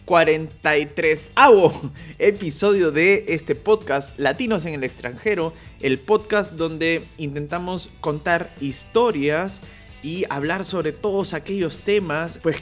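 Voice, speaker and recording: A Peruvian man hosting a casual podcast, talking in a chatty way with many fillers and repeated words. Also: on the high side. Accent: Peruvian Spanish. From Peru. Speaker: podcast host. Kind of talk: casual podcast intro and interview.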